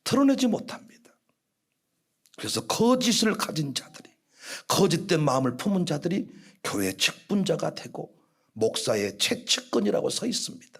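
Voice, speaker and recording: A Jeolla-accented male pastor in middle age preaches from the pulpit of a church. His voice sits high and leaps wildly up and down. He bursts into shouted, acted-out rebukes. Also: sing-song, normal speed, slightly rough. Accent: Korean, Jeolla region. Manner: preaching with loud outbursts and acted-out scoldings. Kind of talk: fiery sermon. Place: church sanctuary.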